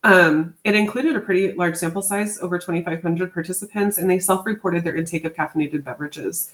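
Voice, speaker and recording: A woman's voice: fairly low pitch, fairly quick, fairly bright tone. A woman co-hosting a podcast, explaining a research study in a casual chat with many fillers and restarts. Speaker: podcast co-host.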